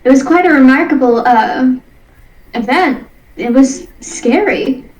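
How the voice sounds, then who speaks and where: Woman putting on a cool cartoon witch, high voice, prim phrasing, off-mic, roomy. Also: measured pace, far from the mic. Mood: composed.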